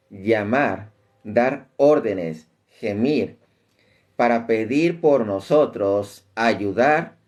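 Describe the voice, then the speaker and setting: A man's voice: medium pitch, a little mellow. A man giving an informal Bible teaching talk, thinking aloud with fillers and restarts and speaking straight to his listeners. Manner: addresses listeners directly.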